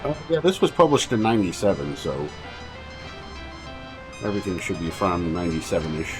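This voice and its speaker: A man casually commenting while he plays through an old adventure game, joking and thinking out loud. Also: sits low, expressive, a little fast. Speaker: streamer playing a game. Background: game music.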